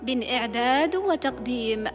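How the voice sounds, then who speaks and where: Female announcer, high register, crisp credit reading over a music bed. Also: expressive, moderate pace. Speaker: program announcer. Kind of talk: scripted radio intro.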